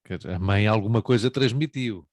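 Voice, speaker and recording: A man's voice: lowish voice, fairly quick, darkish tone, no room sound, clean studio sound. A man with a Lisbon Portuguese accent, co-hosting a casual podcast and adding wry remarks. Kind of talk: casual interview conversation.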